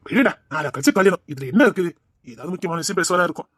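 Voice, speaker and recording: A stern family father in a home-made drama, put on by a woman, giving gruff orders at a quick pace. The sound is dry and close. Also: lowish voice, lively intonation, no room sound, voice pushed down. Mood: commanding. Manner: gruff, commanding.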